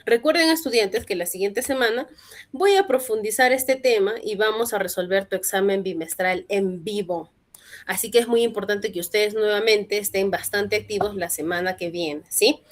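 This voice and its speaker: A woman's voice: mid-range voice, moderate pace. A woman English teacher, patiently explaining grammar in a classroom lesson and often checking with short tag questions.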